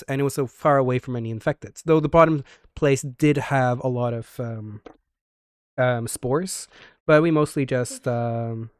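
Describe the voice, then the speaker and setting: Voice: medium pitch, clean tone, dry recording, studio quality. A streamer casually recapping an in-character roleplay story, rambling with lots of fillers and teasing the others.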